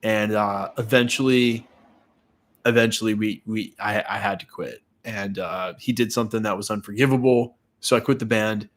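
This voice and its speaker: Congested from a cold, this YouTuber in his thirties speaks at a moderate pace in a lowish, steady voice that sounds nasal and stuffy. He hosts a laid-back live watch party, chatting loosely and reading out viewer comments before responding to them.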